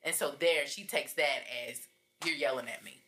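A woman's voice: a bass voice, moderate pace, bright, forceful tone, slight background noise. A woman co-hosting a podcast, explaining earnestly in casual chat. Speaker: podcast co-host.

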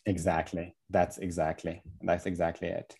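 Low, mellow man from Egypt. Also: flat delivery, creaky, slightly rough. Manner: halting, many fillers and restarts. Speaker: guest, regenerative agriculture advocate. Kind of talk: podcast interview.

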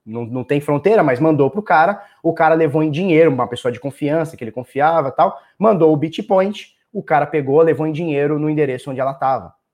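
A chatty Brazilian man runs a casual live stream, talking straight to his viewers and firing questions at them. His voice sits a little high for a man, and he livens it up with playful sound words. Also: quick pace, hardly any pauses, darkish tone. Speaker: crypto market live-stream host.

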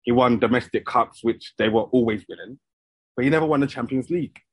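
A man's voice: medium pitch, a little fast, breathy edge, no room sound. A young man with an urban London roadman accent giving opinions in casual, slangy podcast talk. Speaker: football podcast panellist. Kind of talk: casual chat.

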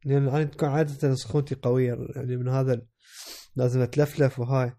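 Iraqi male co-host, sick and stuffed-up, mellow creaky voice, halting casual chat. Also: medium pitch, level tone. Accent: Iraqi Arabic. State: sick with a cold, congested, voice affected. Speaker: podcast co-host.

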